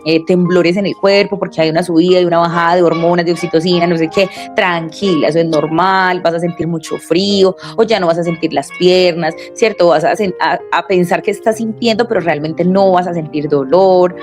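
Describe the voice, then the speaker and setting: A woman speaking quickly in a fairly low voice as she recounts her own experience to an interviewer. She slips into the voices of others she quotes, keeping the telling lively. Soft music plays faintly underneath. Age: adult mother. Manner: lively, acts out quoted dialogue. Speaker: interview guest. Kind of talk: personal storytelling in conversation.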